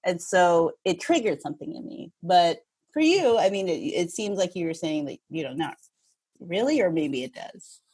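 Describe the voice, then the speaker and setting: A woman host from Northern Kentucky, chatty and quick to laugh, asking long, winding questions in a podcast interview. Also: fairly low pitch, expressive, husky. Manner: warm, chatty, laughs easily, asks long rambling questions.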